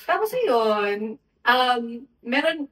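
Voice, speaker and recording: High, lively Filipina storyteller laughing. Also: female voice, very slow, far from the mic, a loud crowd. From Philippines. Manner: animated, laughing storyteller mixing Tagalog and English. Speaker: podcast co-host. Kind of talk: casual chat, comic storytelling.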